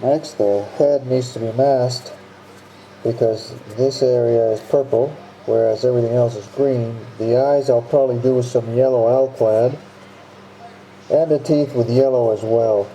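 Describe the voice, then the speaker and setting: A man speaks through a face mask, so his voice comes out very dark and muffled. He chats casually about his model-building progress and often says "uh". A faint hiss of noise runs behind him. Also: medium pitch, a little slow. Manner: relaxed, casual, with frequent "uh".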